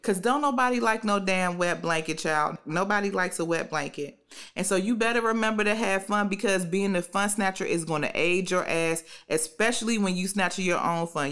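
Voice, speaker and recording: A woman's voice: fairly low pitch, fairly bright tone. An American woman giving an informal motivational pep talk, sassy and emphatic, repeating phrases for punch. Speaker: spiritual motivational host giving card readings.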